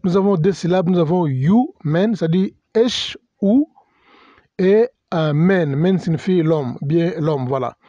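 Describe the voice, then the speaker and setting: A man's voice: fairly high pitch, a little slow, mellow, no room sound, dull audio. A male pastor giving a teaching sermon, hesitant and full of fillers, spelling out words and mixing in English terms. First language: bilingual English and French. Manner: hesitant, many fillers and self-corrections.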